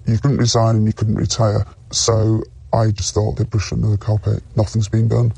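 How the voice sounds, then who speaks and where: A former senior detective giving a news clip, with the voice electronically altered and deepened to hide their identity. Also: completely flat delivery, brisk, gravelly, dark tone, slightly rough, no room sound. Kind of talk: recorded news clip testimony.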